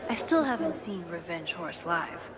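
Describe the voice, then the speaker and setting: A woman's voice: lowish voice, big pitch swings, normal speed. An actress voicing a wry, thoughtful young woman in a story game, speaking dialogue and inner monologue in a dry tone. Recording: game audio with loud noise and crowd.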